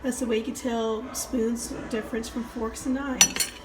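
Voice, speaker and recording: Higher-voiced woman vlogging in a noisy kitchen. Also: flat delivery, normal speed, reverberant. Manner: explains step by step while handling things. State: has a cold. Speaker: vlogger showing a cooking routine. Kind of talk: casual vlog demonstration. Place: home kitchen. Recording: noisy home kitchen recording.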